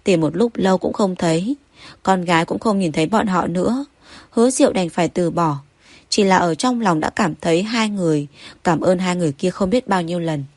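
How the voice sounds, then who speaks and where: Female audiobook narrator, low voice, dry close sound, even reading. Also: a little fast, dry recording. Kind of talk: scripted story narration.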